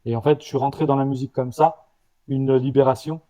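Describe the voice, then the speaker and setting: A man with a slight leftover stutter, a startup founder answering interview questions in a halting way, with many restarts. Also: medium pitch, steady tone, mellow, poor audio. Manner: halting, with restarts and repeated words.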